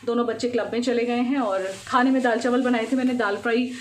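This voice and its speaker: A woman's voice: fairly high pitch, fairly even intonation, quick pace. A woman in her thirties chatting casually to the camera as a daily vlogger, mixing English words into her Hindi. She speaks into a handheld phone, first indoors at a resort and then outdoors on a scooter ride. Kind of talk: casual vlog narration to camera.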